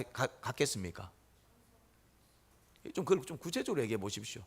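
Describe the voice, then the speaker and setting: A middle-aged man preaching a Sunday sermon in a gravelly, somewhat high voice. His pitch swings widely as he asks the congregation question after question and answers them himself. Now and then he slips into the voices of the people he quotes. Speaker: pastor.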